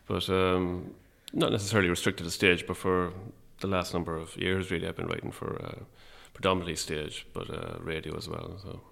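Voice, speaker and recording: A man with an Irish midlands accent talking casually and a little hesitantly as an interview guest, in a low-key, wry way. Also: level tone, a little fast, vocal fry, hardly any pauses, fairly bright tone. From Longford, Irish midlands.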